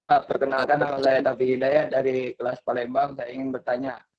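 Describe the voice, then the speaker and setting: A man's voice: medium pitch, monotone, brisk. A young man politely asking a question in an online class, his voice choppy and breaking up over the call. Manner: polite, formal, hesitant with fillers. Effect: choppy audio breaking up over an online call. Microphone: video call. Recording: dull, lo-fi online call audio.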